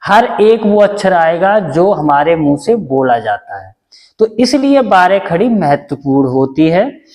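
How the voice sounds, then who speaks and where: Slow, patient male teacher in a big hall. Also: fairly high pitch, very animated, a little mellow. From India. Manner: patient, repeats each step, asks and answers own questions. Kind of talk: classroom lesson.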